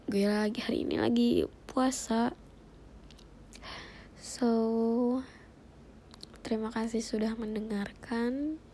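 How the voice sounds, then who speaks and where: A woman in her twenties with a blocked-nose voice, talking casually and reflectively in informal slang with hesitant pauses. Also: fairly high pitch, steady tone, warm tone, a little hiss or hum. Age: 20s. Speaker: personal podcaster.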